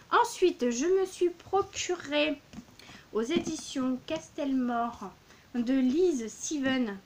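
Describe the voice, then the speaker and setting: A woman's voice: a little high, a little mellow, slight background noise. A woman in her thirties, a book vlogger showing her purchases in a casual, gushing way, with many fillers and repeated words. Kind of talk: casual book haul vlog.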